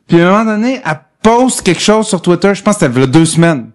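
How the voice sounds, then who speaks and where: A man's voice: sits high, lively intonation, rapid-fire. A man with a Québécois accent chatting casually on a podcast, trading dry quips and telling stories. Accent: Québécois French. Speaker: podcast host. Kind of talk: casual chat.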